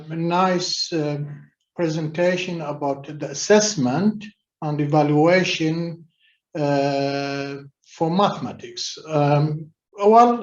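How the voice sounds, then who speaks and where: A man from Iraq, a senior lecturer in mathematics, opening his talk in a measured, hesitant way. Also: a little high. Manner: slow, measured, hesitant delivery. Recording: muffled, roomy video-call audio.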